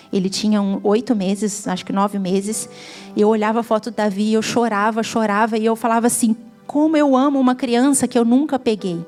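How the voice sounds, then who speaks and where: A Brazilian woman with a Brazilian Portuguese accent, serving as guest preacher, gives a heartfelt testimony sermon at a church gathering that builds to fervent emphasis. Her voice is medium in pitch with a darkish tone.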